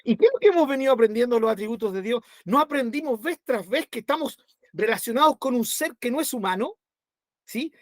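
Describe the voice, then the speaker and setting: A man's voice: very high-pitched, expressive, brisk, dry recording, studio quality. A man teaching a Bible study to his congregation, conversational, with constant rhetorical tag questions.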